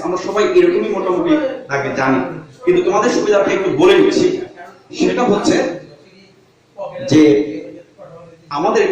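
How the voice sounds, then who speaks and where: A man teaching an online English grammar lesson, mixing Bengali and English words and asking and answering his own questions as he explains step by step. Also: high-pitched. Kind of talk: online class lecture. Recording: very echoey room, from far off.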